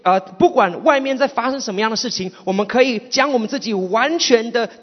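A man with a Malaysian accent interprets a sermon in short, sometimes halting phrases. His voice sits high for a man and carries a long hall echo, with a slightly muffled sound.

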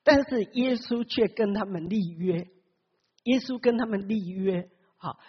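A woman's voice: mid-range voice, unhurried, husky. A woman preaching a sermon who keeps asking the congregation questions and acts out the Bible characters with big swings in her voice. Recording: long hall reverb, dull lo-fi sound.

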